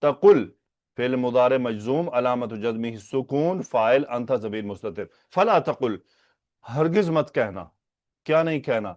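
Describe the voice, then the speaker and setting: A man teaching a religious text in an unhurried lecture style, repeating phrases, breaking down their grammar and asking his listeners rhetorical questions. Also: medium pitch, animated, a little mellow, no room sound. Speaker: hadith teacher. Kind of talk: Urdu lesson on Arabic hadith grammar.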